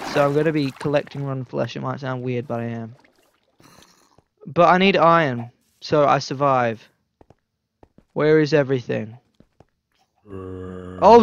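A man giving excitable gameplay commentary, talking straight to his viewers and yelping when scared. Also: medium pitch, highs cut off. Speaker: gaming YouTuber.

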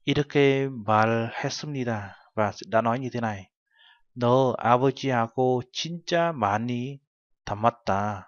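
A man's voice: medium pitch, rapid-fire, no echo. Man teaching a language lesson, dry dull sound. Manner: patient, translates each phrase step by step. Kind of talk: explaining a textbook lesson. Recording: dull lo-fi recording.

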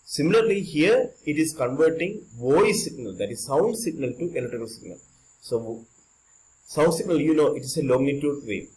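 This voice-over, recorded indoors over a screen capture, features a man with an Indian accent teaching electronics in a loose, explanatory way. His voice is a little high and a little mellow, animated and at normal speed, and he restates points in simple non-native English over poor audio.

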